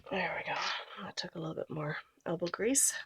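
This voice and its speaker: A woman in her thirties, a scrapbooking vlogger, speaks briskly in a fairly low pitch, her voice nasal with a cold. The recording is very noisy. Relaxed and chatty, she walks through a craft tutorial and lets sentences trail off as she works.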